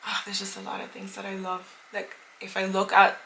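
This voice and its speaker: Woman, late twenties, vlogger. Bright, forward voice; rambling chatter full of fillers. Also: medium pitch, monotone, brisk, vocal fry, slight background noise, low-quality recording. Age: late 20s. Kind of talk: casual vlog chat to camera.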